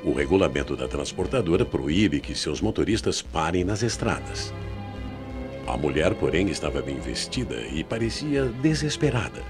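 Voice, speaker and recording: This is scripted mystery narration from a 1990s AM radio drama, voiced by a Brazilian man whose voice is extremely deep. Music plays underneath as he phrases each line deliberately, keeping it suspenseful and very expressive.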